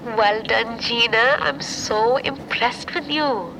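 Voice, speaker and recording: An actress playing a chatty, excitable woman who runs a lift, with a gasping manner. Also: a little high, slow, noisy background. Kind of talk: radio drama acting.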